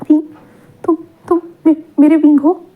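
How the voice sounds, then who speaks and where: A woman's voice: fairly high pitch, fairly even intonation, very fast. A woman doing an enraged, vengeful male spirit. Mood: raging. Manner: shouting, insistent. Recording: tinny phone-like audio.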